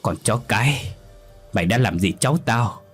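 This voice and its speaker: An enraged old grandfather, brutal and cursing, his husky low voice snarling, acted by a man. Faint music runs behind this horror audio story. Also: expressive, moderate pace. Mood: furious.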